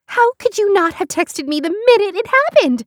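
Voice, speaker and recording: A woman voicing an excitable young woman who gushes and squeals with breathless excitement. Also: on the high side, moderate pace, no room sound, studio quality, voice pushed up. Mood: thrilled.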